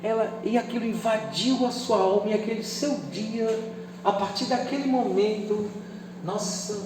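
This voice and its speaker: A man preaching as pastor, emotional, swinging from loud declarations to hushed, intimate passages. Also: high-pitched, normal speed. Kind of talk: sermon. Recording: echoey church hall with music behind.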